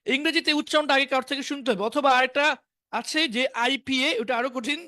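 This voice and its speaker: A man teaching a live online English class in Bangla, chatting casually and then reading out vocabulary, saying each word twice and slowly. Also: very high-pitched, pushed and bright.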